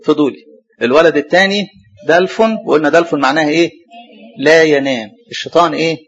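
Fast-talking and gravelly, this Egyptian preacher has a voice on the high side with a bit of brightness. Teaching the Bible in a sermon-style lesson, he asks rhetorical questions and answers them himself, slowly spelling out and repeating hard names. The recording is dull and lo-fi.

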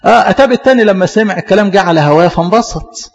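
A man with an Egyptian accent, a pastor, preaching a sermon in a quick, repetitive style full of rhetorical questions. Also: high voice, big-room sound, highs cut off. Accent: Egyptian Arabic. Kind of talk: Coptic church sermon.

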